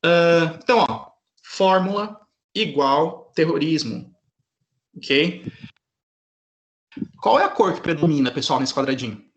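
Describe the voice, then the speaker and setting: A male teacher runs an online class over a video call. His voice sits a little high. He is patient and keeps checking in with his students as he explains. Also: big pitch swings, normal speed, pauses often, reverberant, highs cut off. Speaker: English teacher.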